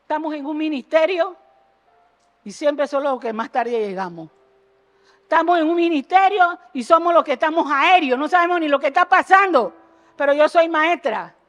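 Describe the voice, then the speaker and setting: A woman preaching an impassioned sermon in a church, jumping between loud exhortation and low earnest asides and firing rhetorical questions at the congregation. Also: lively intonation, moderate pace, dull audio. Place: church sanctuary.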